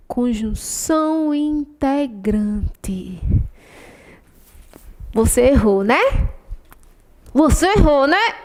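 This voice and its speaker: A Brazilian Portuguese teacher, a woman, going over exam answers in a playful, theatrical way, teasing and scolding her students and chanting memory rhymes. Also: high-pitched. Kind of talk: exam review lesson.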